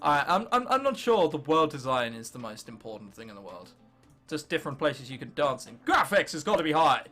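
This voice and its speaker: Soft music plays behind a young host from England who narrates a video game briskly and offhandedly. His bright, high voice swings widely in pitch, and his sarcastic, irreverent remarks are often aimed at the game itself.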